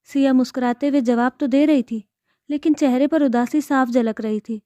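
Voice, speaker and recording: A woman narrating an emotional family story and voicing all the parts herself, with a soft, dramatic delivery. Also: high-pitched, steady tone, normal speed, dry recording. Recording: dull lo-fi dry recording.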